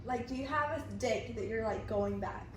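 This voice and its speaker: A woman's voice: fairly high pitch, moderate pace. A woman co-hosting a talk show in a casual, chatty style. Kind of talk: casual chat. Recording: distant echoey room with background noise.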